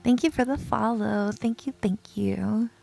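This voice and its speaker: A woman streaming a video game in a slow, unhurried and gravelly voice, giggling often and greeting viewers by name. Faint music plays behind her. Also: mid-range voice, warm tone. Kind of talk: casual live-stream chat.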